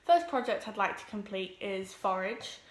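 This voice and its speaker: A teenage girl, introducing her vlog at home, nervous and quick, with lots of ums. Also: mid-range voice, animated, echoey room. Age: teens. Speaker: vlogger. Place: home room with pets.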